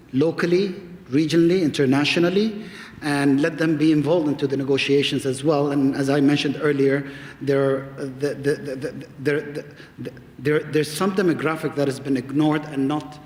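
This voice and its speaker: Male panelist, mid pitch, hesitant, roomy hall. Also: a little mellow. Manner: hesitant, many fillers, then lists points. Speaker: panelist, doctor.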